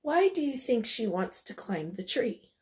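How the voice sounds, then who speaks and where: A woman teacher with a fairly high voice reads a picture book to young children at a slow, patient pace. She stops to ask the children questions and sometimes drops to a soft whisper. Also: big pitch swings. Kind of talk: children's read-aloud lesson.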